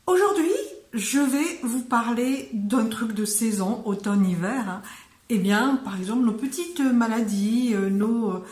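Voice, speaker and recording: Lady teaching words, slow and hesitant, lots of euhs, echoey room. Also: fairly high pitch, a little mellow. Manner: slow, hesitant, many fillers. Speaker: Malagasy language teacher. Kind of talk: casual online language lesson.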